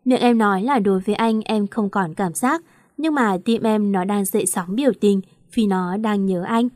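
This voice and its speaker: A torn, tearful young woman from a romance audiobook, voiced by a woman reader. She speaks in an emotional, questioning lament. The voice sits at a middle pitch with a dry, close sound. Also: normal speed, a little mellow, no room sound, lightly acted. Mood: longing.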